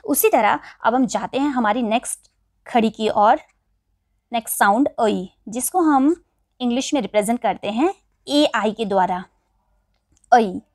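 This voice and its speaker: A woman with an Indian accent teaching English vowel sounds in Hindi. She spells each word letter by letter and then says it again slowly. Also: fairly high pitch, a little mellow, no echo, clean studio sound.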